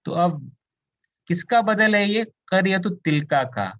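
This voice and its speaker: A man's voice: high voice, animated, takes it slowly, fairly bright tone, lo-fi sound. A man from India teaching an Arabic grammar class, explaining patiently, switching into English and asking students questions. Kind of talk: online class lecture.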